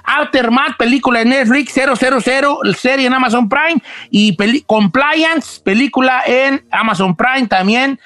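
A cheeky old ranchero hosting a call-in radio show, voiced by a man, speaking with a Mexican accent. His voice sits very high and bright, and he rambles and teases his co-host. The sound is close and dry. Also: moderate pace, few pauses, no room sound. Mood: joking. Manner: teasing, playful, rambling. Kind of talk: joking radio banter.

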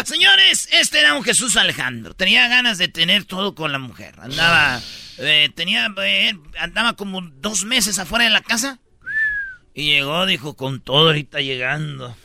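A man telling jokes and acting out comedy sketches in an animated way, switching between silly voices. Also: high-pitched, moderate pace, vocal fry.

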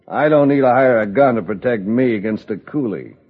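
A man playing a gruff railroad boss. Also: medium pitch, fairly quick, natural voice. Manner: gruff, folksy, dismissive. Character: blustering male railroad boss, middle-aged. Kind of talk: 1950s radio drama acting. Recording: muffled old radio broadcast.

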